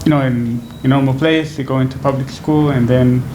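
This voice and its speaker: Seated on a sofa in a small indoor room with a stand mic in front of him, a man in his twenties from Venezuela responds to interview questions. His mid-range voice is steady and brisk, yet he's thoughtful and hesitant, full of fillers and restarts, over background noise.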